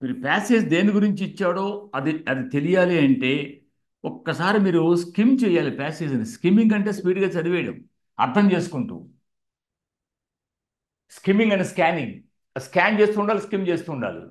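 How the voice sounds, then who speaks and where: Older man, Indian English accent, fairly high voice, lecturing, spells words out and repeats them slowly, roomy classroom echo. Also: very animated. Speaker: English teacher. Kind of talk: exam-prep lecture.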